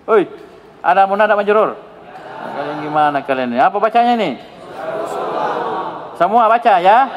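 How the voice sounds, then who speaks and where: An Indonesian Arabic grammar teacher drills his pupils in a classroom, prompting questions again and again in a brisk, coaxing way. His high voice is expressive, and the dull, lo-fi recording has a long hall reverb plus a little hiss or hum.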